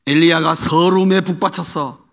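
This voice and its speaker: A man's voice: a little high, fairly even intonation, normal speed, vocal fry. A male pastor preaching a sermon in a church, emphatic and putting rhetorical questions to the congregation, in an echoey hall. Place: church sanctuary. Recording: echoey hall with long reverb.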